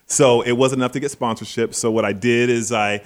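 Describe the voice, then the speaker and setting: A man in his thirties from Seattle, a guest talking casually about his business in a relaxed, rambling way. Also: medium pitch, a little fast. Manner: relaxed, rambling storyteller, laughs easily. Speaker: guest, social media agency owner. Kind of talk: casual chat.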